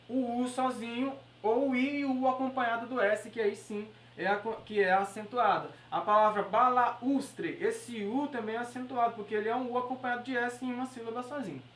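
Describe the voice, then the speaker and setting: A woman with a Brazilian Portuguese accent teaching an exam-prep grammar lesson, explaining step by step and checking in with her listeners. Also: fairly high pitch. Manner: explanatory, checks in with "beleza?" and "certo?". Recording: echoey room, voice from far off the mic.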